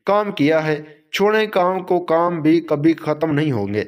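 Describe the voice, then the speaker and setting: A gentle blind young man who pleads softly and earnestly, as a male storyteller reads his lines. The voice sits a touch high for a man. It keeps close to the reader's own everyday tone. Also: lightly acted.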